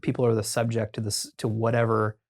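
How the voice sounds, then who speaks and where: As a podcast guest, an American man chats casually and tells stories informally, speaking haltingly as he thinks aloud. His voice is fairly low-pitched and monotone throughout this conversational storytelling.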